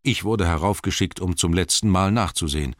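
A man voicing a brisk, kind grown male searcher, speaking in a raised, urgent way. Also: low-pitched, no echo, studio quality, natural voice.

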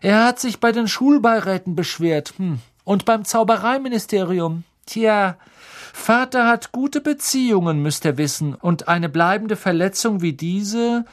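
Male reader as a spoiled audiobook schoolboy: high, loud, whiny, smug sneer. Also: animated, a little slow. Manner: nasal drawl, shrill and mocking.

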